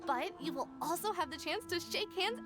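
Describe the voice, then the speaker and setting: A woman playing a cheerful festival lottery attendant, announcing prizes brightly and excitedly in scripted game dialogue. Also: very high voice, normal speed. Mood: proud, announcing. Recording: music behind the voice.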